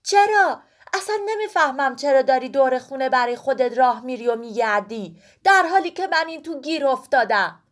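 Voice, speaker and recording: A woman's voice: sits high, expressive. A woman voicing a chatty, boastful talking pomegranate girl in a children's story, talking nonstop with lots of exclaiming. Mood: complaining. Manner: talkative, exclaiming, whiny.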